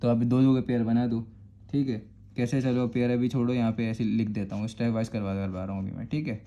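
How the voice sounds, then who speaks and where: A man's voice: medium pitch, level tone, brisk, warm tone, dull audio. A man with a Karachi Urdu accent teaching a step-by-step math lesson, patiently repeating "thik hai" to check that students follow. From Pakistan.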